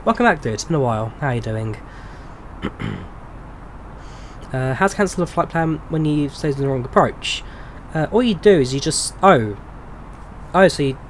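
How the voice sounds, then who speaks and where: On his live stream, a flight sim streamer in his 20s from England answers viewer questions in a casual, chatty way, with many ums. His English-accented voice leans high, and there's a bit of hiss or hum.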